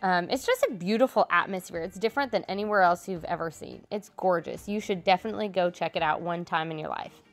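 Female travel vlogger, lower-pitched voice, casual and chatty narration, music underneath. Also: fast talker, hardly any pauses. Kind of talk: casual vlog narration over travel footage.

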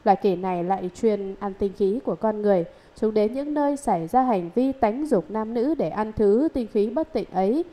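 A woman giving a steady, measured scripted reading of a Buddhist sutra commentary. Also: medium pitch.

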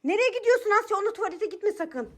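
A woman's voice: very high-pitched, expressive, fast, a bit bright. A woman in her thirties playing a mother who scolds and coaxes her children to get up, sounding exasperated in a bedroom at home. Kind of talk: scripted family skit.

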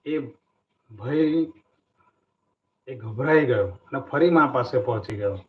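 A man's voice: mid-range voice, animated, slow pace. Earnest man giving a motivational talk. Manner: earnest, storytelling, repeats key phrases. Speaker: motivational speaker. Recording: dull lo-fi recording with faint noise.

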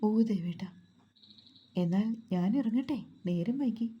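A woman's voice: mid-range voice, takes it slowly, dull audio, lightly acted. A woman doing a shy, heartbroken young wife. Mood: timid. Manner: soft, timid and hesitant.

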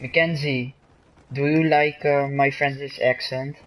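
A man's voice: mid-range voice, flat delivery, takes it slowly, fairly bright tone. A man giving casual commentary while playing a game on a livestream, often exclaiming as he reacts. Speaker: streamer.

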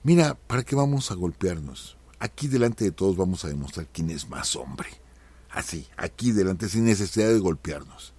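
A sly, cocky general from an old story, calm and scheming as he sets a challenge, as told by a man in his own low, slightly husky voice. The recording is dry and close. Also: normal speed, no echo. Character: sly, cocky 19th-century Mexican general.

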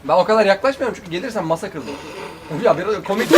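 A young man bantering casually with friends in an excitable, exclamatory, slangy and teasing way. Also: high voice. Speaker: challenge video participant. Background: friends shouting and laughing.

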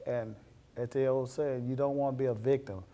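A man's voice: mid-range voice, steady tone, moderate pace, mellow. A middle-aged man, a police officer guest on a TV studio interview, speaking on a lapel mic in an earnest, folksy, plain-spoken way. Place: TV studio set.

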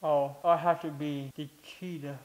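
A man's voice: fairly high pitch, little pitch movement, measured pace, darkish tone, poor audio. A young American man chatting casually and groggily, his mouth numb after dental work. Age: young adult. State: numb mouth after wisdom teeth removal. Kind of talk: casual chat. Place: living room couch.

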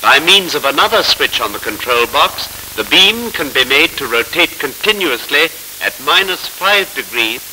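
A man narrates a 1940s instructional film in a formal, measured, explanatory way, heard over a scratchy old film soundtrack. His voice sits fairly high, with a sharp tone and a very animated delivery.

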